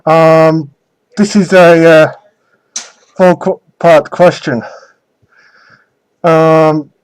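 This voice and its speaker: A young man answering questions in casual, unscripted talk, halting and hesitant, often pausing mid-sentence. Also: fairly high pitch, level tone, smooth, poor audio. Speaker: vlogger answering viewer questions.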